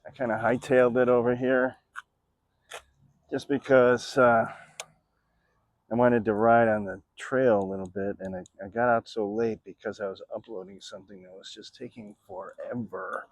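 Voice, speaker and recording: A Florida vlogger in his sixties rides his bike along an outdoor trail, rambling and chatting casually with lots of fillers. His voice is medium-pitched, with little pitch movement, at normal speed.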